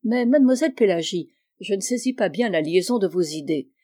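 A woman's voice: medium pitch, lively intonation, fairly quick, warm tone, natural voice. Woman reading as an ironic middle-aged diplomat. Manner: dry, ironic repartee. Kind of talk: audiobook reading.

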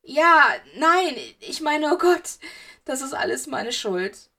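A woman's voice: big pitch swings, a little slow, gravelly, fairly bright tone, full character voice. Woman voicing a sobbing, panicked schoolboy. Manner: high, trembling, stammering pleas. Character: panicked, sobbing teenage schoolboy, frightened and desperate.

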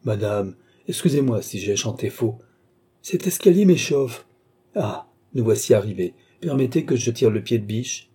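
A man's voice: mid-range voice, lively intonation, moderate pace, mellow, husky. A man voicing a courtly, sly old male duke who teases with mock politeness. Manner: gallant, teasing, mock-polite.

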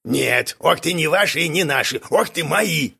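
Male reader playing a gravelly, smooth-talking big-eared crook, self-important. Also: fairly high pitch, animated, moderate pace, bright, forceful tone, voice pushed up, full character voice. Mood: wheedling.

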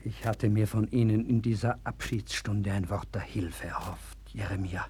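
A man's voice: fairly low pitch, fairly even intonation, moderate pace, lightly acted. Wavering, desperate king on a crackly record, male actor. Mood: anxious, incredulous. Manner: theatrical, swinging between outbursts and whispers. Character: desperate, wavering, doomed king clinging to hope. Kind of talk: German radio play acting. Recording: crackly, noisy early 1960s vinyl record.

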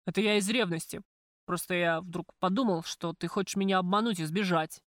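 A woman's voice: lowish voice, fairly even intonation, brisk, no echo, natural voice. Woman reading coarse jealous crime boss, threatening, dry close audiobook sound. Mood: menacing.

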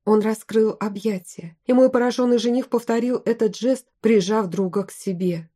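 Mellow woman reading a fantasy audiobook. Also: fairly high pitch, moderate pace. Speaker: audiobook narrator. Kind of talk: first-person fantasy audiobook narration.

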